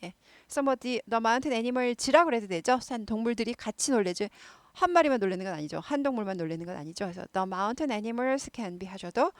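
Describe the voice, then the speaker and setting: A woman's voice: fairly high pitch, expressive, moderate pace, dry recording. Patient Korean woman drilling English words. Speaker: English teacher. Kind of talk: explaining English lessons in Korean.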